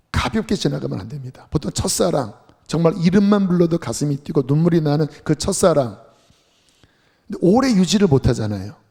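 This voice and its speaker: A man preaching a sermon as pastor, lively and earnest, sometimes dropping to a whisper. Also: fairly high pitch, creaky. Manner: animated preaching, drops to soft whispers for prayers. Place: church sanctuary.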